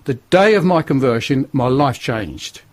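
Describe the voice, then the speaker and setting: A man's voice: medium pitch, lively intonation, measured pace. An older man with a northern English accent, telling his life story earnestly as a radio guest. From northern England. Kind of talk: testimony in a radio interview.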